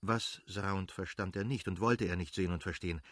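A man reading a literary novel aloud as narrator, measured and dramatic. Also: sits low, fairly even intonation, no room sound, clean studio sound. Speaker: audiobook narrator.

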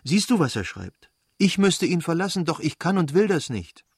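A man's voice: on the high side, sing-song, moderate pace, breathy edge, no room sound, clean studio sound, voice pushed up, full character voice. A man reading an anguished noblewoman, trembling and pleading. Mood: distraught. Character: anguished noblewoman in love, torn over son.

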